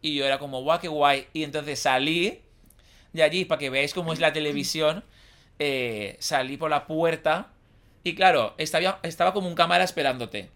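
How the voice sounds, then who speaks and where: Bright-voiced Valencian young man telling stories. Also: a little high, moderate pace. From Valencia region, Spain. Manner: lively, chatty anecdote-telling with slangy fillers. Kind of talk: casual chat, storytelling.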